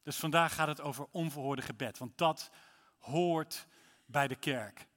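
A man's voice: a little high, a little slow, fairly bright tone, big-room sound. A man preaching a sermon in church, reading psalms aloud with rising intensity. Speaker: pastor.

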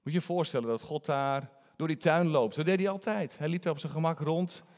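A man preaching a sermon in a conversational, animated storytelling manner. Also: fairly high pitch, a little fast, long reverb tail.

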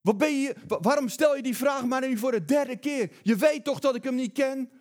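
A man's voice: very high voice, moderate pace, darkish tone, voice pushed up. A man acting out a panicked, cursing man who angrily denies knowing someone. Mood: furious. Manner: agitated, defensive.

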